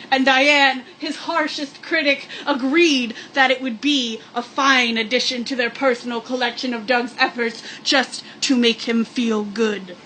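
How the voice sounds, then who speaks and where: With a high, sharp-toned voice, a woman gives a comedic read-aloud of a story, playing it sarcastic and mock-dramatic and tossing in joking mock-spooky asides. The audio is poor and carries slight background noise.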